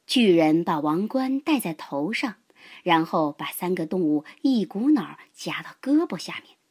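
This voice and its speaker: A woman narrating a children's fable in an expressive, unhurried storytelling voice. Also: lowish voice, husky.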